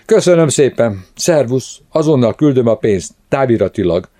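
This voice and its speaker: A man's voice: low-pitched, dark tone. A man reading the part of a timid, embarrassed man who speaks hesitantly and in a hurry. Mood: tense. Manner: hesitant, then breathless and hurried.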